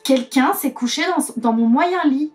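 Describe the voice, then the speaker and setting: A woman's voice: high-pitched, measured pace, recorded from a distance, soft background music. Storybook mama bear, indignant and exclaiming, put on by a woman reader. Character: middle mother bear, indignant.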